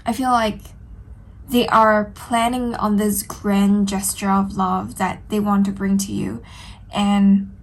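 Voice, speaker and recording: A tarot reader gives a solo reading to camera, speaking gently, earnestly and without hurry at an ordinary middle pitch. Her slightly nasal voice sounds stuffy from a cold, and she fills pauses with soft ums, often saying "I feel like" as she returns to her feelings about the cards.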